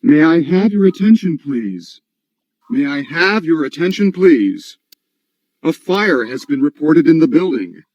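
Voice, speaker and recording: A man's recorded emergency message played through a fire alarm speaker, calm and measured, repeating each phrase. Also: a little high, no echo. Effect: recorded evacuation message played through a fire alarm speaker. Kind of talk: scripted emergency announcement. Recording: dull dry alarm-speaker sound.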